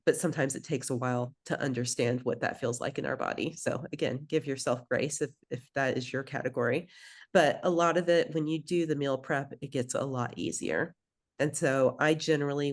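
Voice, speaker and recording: A woman who grew up in Belgium, coaching a group through a nutrition program in a conversational way, with many fillers and questions to the group. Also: sits low. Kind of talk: instructional group session.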